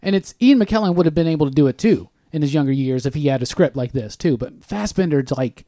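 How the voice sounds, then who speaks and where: In a recording studio, a man co-hosts a casual podcast chat, rambling and saying "like" a lot. His voice is a little high, expressive and quick, with a mellow sound and no room sound.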